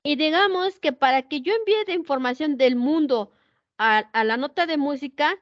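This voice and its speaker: Woman, pedagogy teacher; animated lecture full of rhetorical questions; high-pitched, muffled lo-fi sound. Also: normal speed, no room sound. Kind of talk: lecture with anecdotes. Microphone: video call setup. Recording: dull, dry lo-fi sound.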